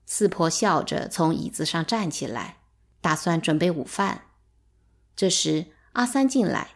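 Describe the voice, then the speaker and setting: A woman narrating a novel as an audiobook reader, in measured, expressive storytelling. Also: medium pitch, slightly rough.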